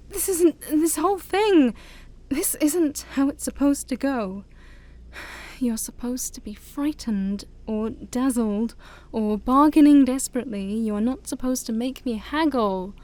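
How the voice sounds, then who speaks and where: Here the same woman's demon princess, shy, haughty and ancient, sounds flustered and indignant, still breathy and near a whisper in this soft-spoken ASMR roleplay. Her voice sits high and she speaks slowly, choosing formal, theatrical words and stumbling through awkward hesitations.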